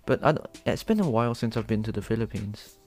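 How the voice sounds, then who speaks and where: A young man with a lowish voice chats casually as a podcast co-host. His talk is easygoing and quick to apologize. Faint music plays behind him. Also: a little mellow. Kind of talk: casual chat.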